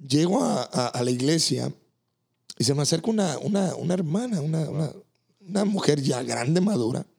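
A man, a pastor hosting a faith podcast, speaking earnestly with many halting restarts. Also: on the high side, lively intonation, gravelly, a little mellow, husky.

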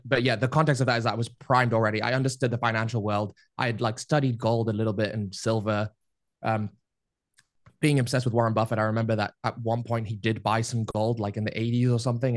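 A man in his thirties, a podcast guest, telling his life story in a relaxed, rambling way with many fillers. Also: mid-range voice, no room sound, studio quality. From Spain. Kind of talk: casual interview storytelling.

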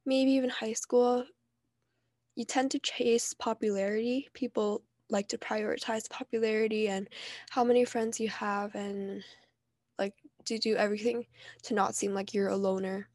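A woman's voice: on the high side, level tone, moderate pace, a little mellow, dry recording, studio quality. A teenage girl with a nasal voice from allergies, talking candidly and casually on her own podcast. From New Jersey. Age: teens. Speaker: podcast co-host. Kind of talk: personal podcast monologue.

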